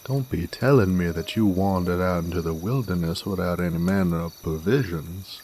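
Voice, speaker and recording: A man voices a smooth-talking werewolf bounty hunter, a genial Western drifter, in an acted audio roleplay monologue aimed at the listener. His deep, darkish voice carries an American Southern/Western drawl, and he sounds amiable and teasing, folksy, courteous, wordy and unhurried. The acting is light, with slight background noise.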